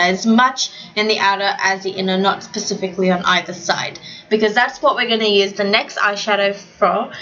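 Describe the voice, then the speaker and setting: A young woman talks through her makeup steps in a casual voiceover. Her pitch sits mid-range and she stumbles over words now and then. The home recording sounds a bit dull. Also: fairly bright tone. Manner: chatty, slightly tongue-tied. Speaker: beauty vlogger. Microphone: home voiceover mic.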